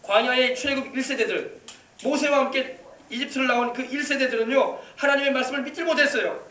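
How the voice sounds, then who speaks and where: A man's voice: very high-pitched, steady tone, fast talker, bright, forceful tone. A male pastor preaching an emphatic sermon, exhorting the congregation with rhetorical questions. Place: church sanctuary. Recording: echoey church hall, mic at a distance.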